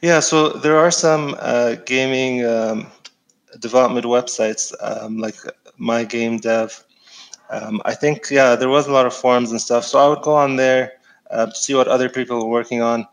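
Middle-aged man from Egypt, interview guest, easygoing and halting, mid-range voice. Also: mid-range voice, vocal fry, low-quality recording. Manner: relaxed, many fillers and restarts. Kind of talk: casual interview.

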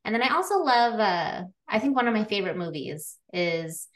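A woman guest on a podcast, answering casually and informally in loose, halting phrases. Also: medium pitch, sing-song. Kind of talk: casual conversational interview answers.

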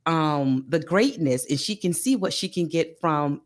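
A low-pitched woman hosts a casual interview chat. She talks emphatically and stretches out her phrases for effect. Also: animated, measured pace. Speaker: podcast host.

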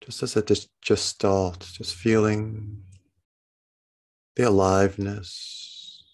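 A man with a low, creaky voice guides a meditation very unhurriedly. He speaks gently and soothingly, like a bedtime narrator, leaving long pauses between short phrases. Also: level tone. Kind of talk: guided body-scan meditation, unscripted.

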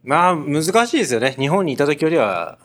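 Polite male guest explaining quickly. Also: fairly high pitch, expressive. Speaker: HR manager, guest. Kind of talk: interview answers.

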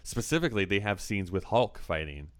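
A man with a very low, smooth and resonant voice, chatting casually about a movie. He talks earnestly and works through his thoughts, peppering them with "like." The tone stays conversational throughout. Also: big pitch swings, a little fast. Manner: earnest, analytical, with many "like" fillers. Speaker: podcast co-host.

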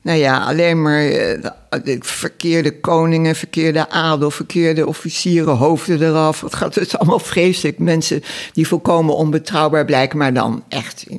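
Guest guy chatting about a book, keen, lots of yeah yeah, voice a bit high. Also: fairly even intonation, normal speed. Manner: eager, lots of agreeing interjections. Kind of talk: book discussion.

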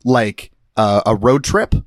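A man's voice: fairly low pitch, slow pace, no room sound, clean studio sound. A man appearing as a guest on a casual film podcast, talking in a thoughtful, analytical way as he builds up his points.

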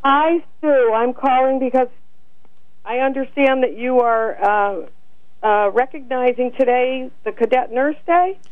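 A woman calling in on a speakerphone over a phone line, explaining earnestly and pausing on fillers. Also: high voice, no room sound. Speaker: caller, director of a nurses' group. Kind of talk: radio call-in.

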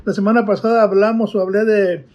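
A man's voice: high-pitched, steady tone, fairly quick, dull audio. A man preaching a sermon in an earnest way, repeatedly addressing his listeners as brothers with many fillers.

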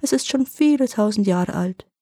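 A calm, shrewd little heather dwarf from a storybook fairy tale, read by a woman. He speaks matter-of-factly and unhurried. The tone is warm and slightly husky, close and dry. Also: mid-range voice, no room sound, lightly acted. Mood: calm scolding.

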